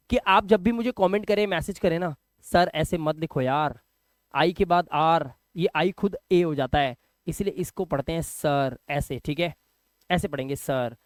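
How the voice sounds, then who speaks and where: A man's voice: fairly high pitch, clean tone, dry recording. A man teaching an English lesson and speaking emphatically. He repeats each word and keeps asking the viewer questions. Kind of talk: spoken classroom lesson.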